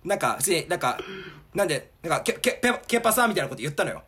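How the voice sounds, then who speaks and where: A man telling a rambling, animated story in casual chat, full of fillers. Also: on the high side, very fast, slightly rough.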